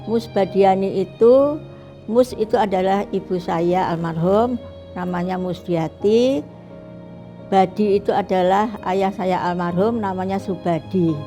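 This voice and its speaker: An older woman speaks in a mellow, soft-edged voice, reminiscing at an unhurried pace and pausing often to find her words. Her tone is that of a retired doctor telling her own story, with faint music under her. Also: medium pitch. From Bali, Indonesia. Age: 70s. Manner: unhurried, reflective, with many pauses and restarts. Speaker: retired eye doctor and professor. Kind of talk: recorded interview, personal reminiscence.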